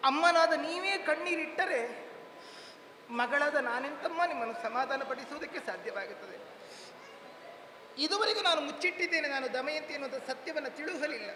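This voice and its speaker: Damayanti, a man playing a gentle young queen. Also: extremely high pitch, animated, a little fast, long pauses. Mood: pleading. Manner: pleading, tearful, ornate declamation. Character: noble young queen in disguise, gentle, devoted daughter. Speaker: stage actor in a female role. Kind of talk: Yakshagana theatre dialogue. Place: temple stage, live performance. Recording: echoey hall, noisy live ambience.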